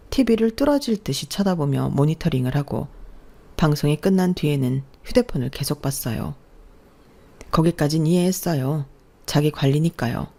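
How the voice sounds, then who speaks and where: Calm young woman telling a story. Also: sits low. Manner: calm, measured first-person storytelling. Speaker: story narrator. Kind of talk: storytelling radio drama reading.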